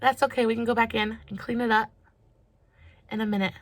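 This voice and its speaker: A woman's voice: fairly high pitch, fairly even intonation, brisk, a little hiss or hum. Gushing woman doing makeup. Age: 30s. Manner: chatty and gushing, with fillers. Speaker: makeup vlogger. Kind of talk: casual makeup tutorial.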